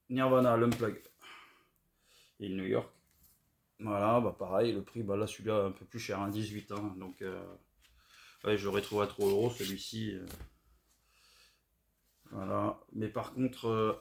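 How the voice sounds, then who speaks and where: A middle-aged French man, a record collector vlogger, chats casually and hesitantly about records he found in a haul video. His voice is on the low side with vocal fry, and he uses many fillers.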